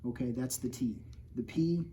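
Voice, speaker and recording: At storytime, a man reads aloud from a picture book he wrote, his mellow, mid-range voice moving at normal speed over a bit of hiss or hum. He jokes with the children and addresses them directly, pretending to be outraged by his own tale.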